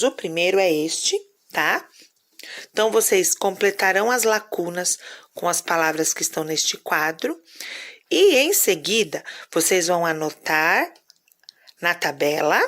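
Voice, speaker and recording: A Brazilian woman teacher explains schoolwork to young pupils, step by step. Her voice sits fairly low and carries a gravelly rasp. She keeps checking in with short tag questions as she goes. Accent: Brazilian Portuguese. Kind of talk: explaining worksheet exercises to pupils.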